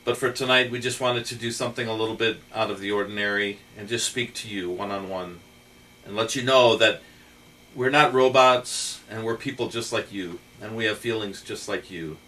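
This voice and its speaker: A middle-aged man hosting a channel, speaking earnestly and gently about faith, with fillers and pauses. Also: on the low side, fairly even intonation, distant mic, rough recording. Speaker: channel host. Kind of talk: heartfelt faith talk to camera.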